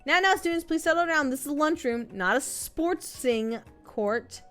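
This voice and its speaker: A woman's voice: high-pitched, lively intonation, moderate pace, fairly bright tone, soft background music, voice pushed up. A woman voicing a small, tired male dog who is a fussy, polite professor lecturing his students in a game. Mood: calming.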